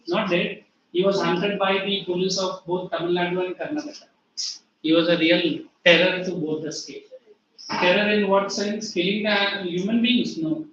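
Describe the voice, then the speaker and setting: A man's voice: high voice, fairly bright tone, a little hiss or hum. A man with an Indian English accent teaching a class, quizzing his students and mixing in Hindi phrases. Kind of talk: classroom lecture. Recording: echoey room, distant mic, dull sound.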